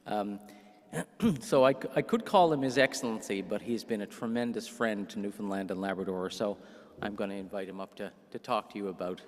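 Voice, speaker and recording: A man hosting an event, giving a halting introduction to the next speaker with many hesitations. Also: fairly low pitch, darkish tone. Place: cathedral. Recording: long hall reverb in a cathedral.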